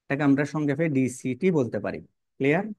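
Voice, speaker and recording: A man's voice: medium pitch, fast, a little mellow, no echo. A man teaching a biology lesson while drawing, repeating key terms and often asking his students questions. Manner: repetitive, checks in with "কেমন?" and rhetorical questions.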